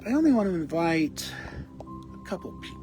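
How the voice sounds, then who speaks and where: A man talking casually on a home live-stream vlog, halting and rambling with many restarts, short of breath. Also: fairly high pitch, sing-song, over music, poor audio. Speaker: vlogger. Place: at home indoors. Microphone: camera on a small tripod.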